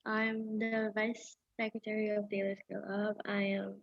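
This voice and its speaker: A woman's voice: medium pitch, completely flat delivery, unhurried, gravelly, no echo. A nineteen-year-old woman, a student club vice secretary, introducing herself sheepishly and laughing at herself. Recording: muffled lo-fi call audio.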